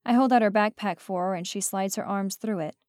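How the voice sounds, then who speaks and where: A woman narrating a first-person story in a measured, expressive audiobook reading. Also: mid-range voice, no echo, studio quality.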